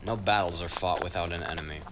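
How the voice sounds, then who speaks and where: A man playing a cool, ruthless mercenary in a crime role-play drama, speaking tersely with quiet menace. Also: low voice, fairly even intonation, fast, noisy background, close to an everyday voice. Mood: cool, matter-of-fact. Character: cool, ruthless male mercenary quoting Japanese proverbs.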